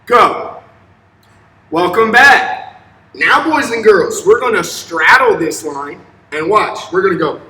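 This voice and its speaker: A man's voice: sits high, expressive, slow, long pauses, bright, forceful tone. Young man, children's fitness instructor, encouraging, simple short directions, long gym reverb, distant camera mic. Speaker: elementary physical education teacher. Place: large empty indoor school gymnasium. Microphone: camera a few steps away.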